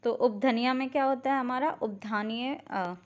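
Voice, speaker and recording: A woman teacher giving a lecture, asking questions and answering them herself, spelling out syllables slowly one by one. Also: fairly high pitch. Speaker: Ayurveda teacher. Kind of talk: classroom lecture, Sanskrit grammar.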